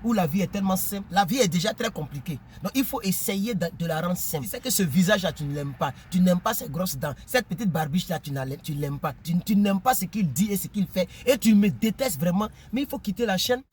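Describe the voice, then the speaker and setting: A man casually vlogging to his subscribers, animated and preachy, often repeating words while he searches for them. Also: high voice, a little fast, few pauses, a little hiss or hum. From Ivory Coast. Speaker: YouTuber.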